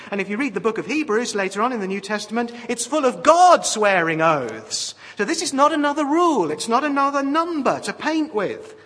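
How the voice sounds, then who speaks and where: A man preaching a sermon with lively, animated delivery and wry asides. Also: sits high, slightly rough. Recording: long reverb of a hall.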